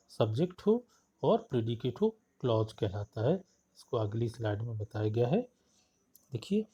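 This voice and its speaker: Slow, husky male grammar teacher. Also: mid-range voice, warm tone. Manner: slow, repeats terms, frequent "uh" and "okay". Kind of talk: slide-based grammar lesson mixing Hindi and English.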